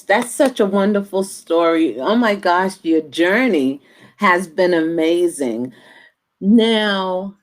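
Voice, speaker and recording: Low voiced lady host, slow and unhurried, lots of mm-hmms and oh my goshes. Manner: warmly affirming, frequent "mm-hmm". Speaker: podcast host. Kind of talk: podcast interview.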